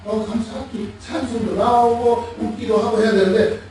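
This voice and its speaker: A pastor preaches a sermon in a church sanctuary, his high voice at a normal pace with faint music behind him. He's animated, asking the congregation questions and laughing as he mimics and acts things out. The mic sits far off, giving an echoey church-hall sound.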